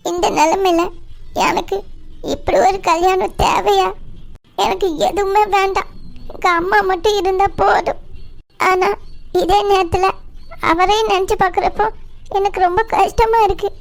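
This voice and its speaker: A gentle, dutiful young daughter in a family cartoon, voiced by a woman. Her voice is very high and soft, with an anxious tenderness in it. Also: fairly even intonation, a little slow, creaky, pauses often, exaggerated voice. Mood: tearful. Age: young adult. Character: gentle devoted young daughter, worried bride-to-be. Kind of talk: cartoon voice acting.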